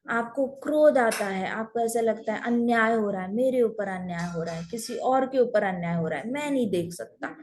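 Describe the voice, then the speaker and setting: A woman's voice: a little high, a little mellow, slight background noise. A woman teaching a scripture class through storytelling, mixing in English phrases.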